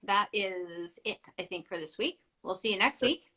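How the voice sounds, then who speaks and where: Chatty woman co-hosting a relaxed morning show, bright tone, laughs easily. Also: medium pitch, normal speed, rough recording. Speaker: podcast co-host. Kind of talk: casual live-stream chat.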